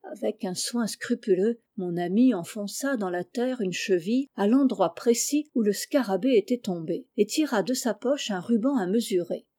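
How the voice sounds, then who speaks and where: A woman reading a classic story aloud in a steady, measured manner. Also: medium pitch, no echo, clean studio sound. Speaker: reader.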